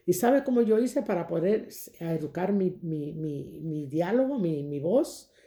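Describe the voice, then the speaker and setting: A middle-aged woman with a Dominican accent gives informal Bible advice, repeating phrases, drawing out key words slowly and tagging questions onto her sentences. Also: fairly low pitch, expressive, warm tone, reverberant. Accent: Dominican Spanish. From Dominican Republic. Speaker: Bible teacher.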